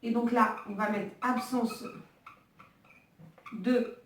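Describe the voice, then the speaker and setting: A woman's voice: on the high side, steady tone, slow pace. A woman teaching an online Arabic lesson, explaining patiently with many fillers and restarts while she writes. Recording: echoey room, voice from a distance.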